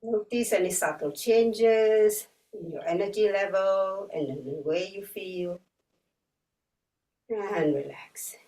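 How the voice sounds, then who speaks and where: A woman guiding an online breathwork and yoga class in an unhurried, gently instructive way. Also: medium pitch. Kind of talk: guided online class instruction, with chanted mantras. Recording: roomy echo, distant from the mic.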